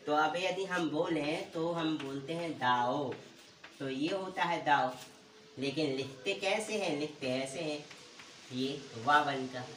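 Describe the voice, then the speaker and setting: A male teacher giving a pronunciation lesson, asking questions and answering them himself and repeating words slowly. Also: a little high, a bit bright, far from the mic, a little hiss or hum. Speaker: English teacher. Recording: roomy echo, voice from off the mic.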